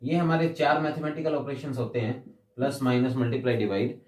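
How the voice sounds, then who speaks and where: A man's voice: mid-range voice, fairly even intonation. A man explaining a maths lesson, patiently repeating each definition and asking himself questions before he answers them. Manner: slows down to read English definitions word by word. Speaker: maths teacher. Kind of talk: classroom explanation. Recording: echoey room, mic at a distance.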